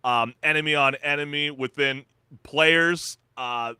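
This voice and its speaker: A man's voice: on the high side, unhurried, pushed and bright, clear, resonant tone, dry recording, studio quality. A man co-hosting a gaming podcast, running through game news in an upbeat, salesy way with lots of fillers. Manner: hyped, salesy delivery with many fillers. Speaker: podcast co-host.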